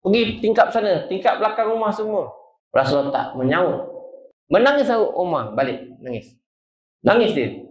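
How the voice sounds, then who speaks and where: A Malaysian Malay preacher tells a story with dramatic acted quotes, his voice pitched high for a man. His voice rings around a roomy prayer hall. He speaks in the unhurried rhythm of a sermon. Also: sing-song.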